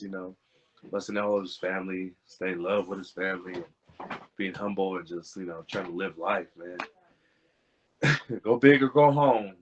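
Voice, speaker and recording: A young man, an interview guest, telling family stories in a casual way, laughing and doing lively voices for the people in them. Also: low-pitched, background noise. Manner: laughing, animated impressions in retelling. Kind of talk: casual storytelling. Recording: dull lo-fi audio.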